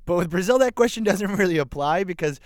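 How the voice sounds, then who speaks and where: A man's voice: high voice, expressive, quick pace, no room sound, studio quality. A man from Massachusetts hosting a podcast in a casual, joking, conversational style. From Massachusetts, USA. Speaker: podcast host. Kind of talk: casual comedic chat.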